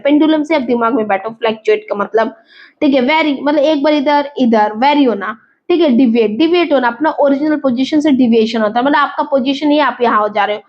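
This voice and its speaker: A woman teaching an exam vocabulary lesson, explaining slowly, repeating words and asking and answering her own questions. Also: high voice, lo-fi sound. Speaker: English teacher.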